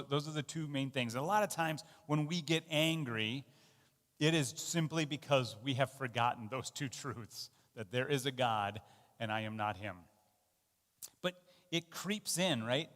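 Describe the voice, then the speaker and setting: In a church, a pastor delivers a sermon in a conversational, self-deprecating style full of fillers and restarts. His medium-pitched voice is a bit bright and carries a big-room sound.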